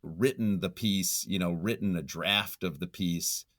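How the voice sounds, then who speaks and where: This deep-voiced man is a nonfiction writer being interviewed, and he talks at a measured pace. Reflective and modest, he tends to grope toward his words, pausing with some hesitation mid-sentence.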